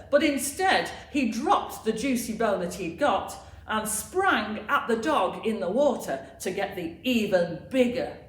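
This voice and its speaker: A woman presenting a playful comic sketch and telling a fable for a children's assembly. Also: medium pitch. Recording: echoey room, faint noise.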